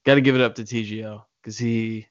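A man's voice: lowish voice, steady tone, fairly quick, no echo, lo-fi sound. Rambling, hesitant man on a dry call. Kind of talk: casual online show chat.

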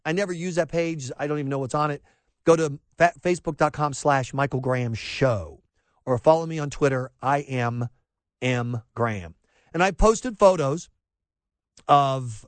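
Recorded dry and close on a studio mic, a middle-aged man from rural South Carolina rants through an impassioned talk radio monologue. His voice is on the high side, and he frequently restarts and makes mocking asides.

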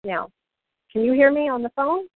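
A woman's voice: high voice, animated, no echo. Woman heard over a phone speaker. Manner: halting, with fillers while reading. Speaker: meeting participant reading out instructions. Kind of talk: reading aloud on a group call. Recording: tinny dry phone line.

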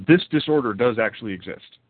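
A man hosting a casual podcast chat, wry and quick to laugh. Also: medium pitch, lively intonation, slight background noise. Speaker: podcast host. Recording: dry, phone-like lo-fi sound.

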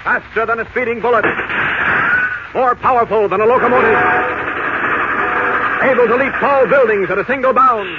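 A man announcing a 1940s radio show with a booming, dramatic delivery, heard on an old radio recording. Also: moderate pace, long pauses, very noisy. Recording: dull old radio recording with organ music.

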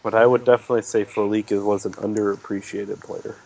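A man with a low, gravelly and husky voice tells a story in a loose podcast chat. He teases his co-hosts and swears freely. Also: level tone, fast, a little mellow, poor audio. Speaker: podcast co-host.

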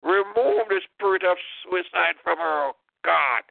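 Heard through a tinny phone-line prayer call, a man leads fervent, impassioned intercession, returning repeatedly to "oh God" and "in the name of Jesus." His high-pitched voice has vocal fry and is animated yet unhurried, in a dry recording.

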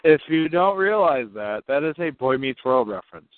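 A man's voice: on the high side, lively intonation, normal speed, dry recording. A man co-hosting a radio show with casual, teasing banter, repeating phrases for emphasis. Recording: narrow phone-like sound.

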